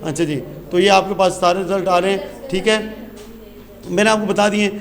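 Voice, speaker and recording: Male teacher, high voice, mixes English phrases into explanations, roomy sound. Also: fairly even intonation, moderate pace, a little hiss or hum. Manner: mixes English phrases into Urdu explanations, asks and answers his own questions. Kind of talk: classroom lesson explaining English grammar.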